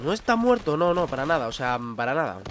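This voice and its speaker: A man with a Spain Spanish accent talks through a shooter match, exclaiming and scolding himself as he plays. His voice sits high and swings widely in pitch. Game gunfire rattles clearly behind him. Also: fast talker, a little hiss or hum. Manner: excitable, exclaiming and talking to himself. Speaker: gaming youtuber. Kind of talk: live gameplay commentary. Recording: gameplay audio with gunfire behind.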